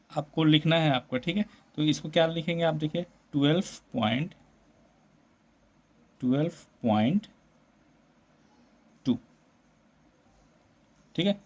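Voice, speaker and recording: Man, maths teacher, slightly high-pitched, repetitive, checks in with the class often, mixes English numbers into his Hindi. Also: a little mellow. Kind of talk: classroom-style maths lesson.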